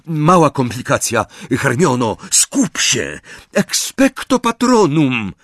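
A man's voice: medium pitch, big pitch swings, normal speed, husky, no echo, studio quality, pitched above the performer's own voice. A man voicing a determined young wizard hero giving firm, urgent orders.

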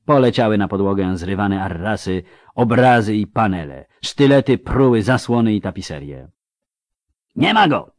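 A man narrating a fantasy audiobook in a measured, dramatic way, slowing down for effect on key phrases. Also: on the low side, animated, darkish tone, dry recording.

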